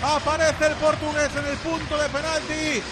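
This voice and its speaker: A man with a Spanish accent from Spain giving breakneck football goal commentary, shouting excitedly and drawing out words. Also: extremely high pitch, moderate pace. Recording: noisy stadium with loud crowd. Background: stadium crowd noise.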